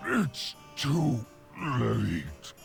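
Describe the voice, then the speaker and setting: An actor playing a surly cursed beast in game stage melodrama, with a gravelly voice. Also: male voice, mid-range voice, very animated, drawn-out words, full character voice. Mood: dying anguish. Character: surly cursed male beast, theatrical brute lover. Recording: music behind the voice.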